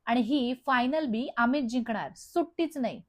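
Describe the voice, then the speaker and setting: A bold rustic village girl who taunts her rival with defiant swagger. A woman recapping the episode voices her in a fairly high voice, close to her own. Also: moderate pace, lightly acted.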